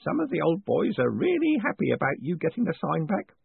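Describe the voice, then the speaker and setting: A squeaky hoarse old postman, fussy and eager, sir every other word, husky tinny sound. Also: wildly swooping pitch, brisk, no echo, exaggerated voice. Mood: whispering. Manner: hoarse whispering, keeps adding "sir".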